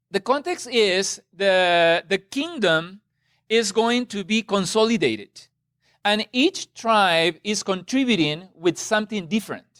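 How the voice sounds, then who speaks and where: A middle-aged man from Ecuador leads a church seminar for a small group in a meeting room. His voice sits high and sounds smooth and clear. The sound is dry and close, with little room echo. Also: fairly bright tone. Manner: conversational, checks in with the audience often. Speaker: seminar presenter.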